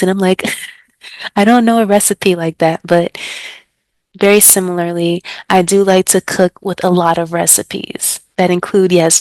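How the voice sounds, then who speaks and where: An American woman who works as an ESL tutor, giving other tutors chatty teaching tips and acting out student exchanges in a brighter voice. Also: on the low side, no room sound. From United States.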